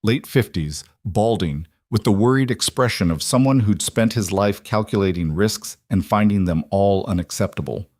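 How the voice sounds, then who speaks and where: A man with a low voice tells a scripted Western story in a steady, measured way. His voice sounds close and dry, with no room echo around it. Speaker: narrator.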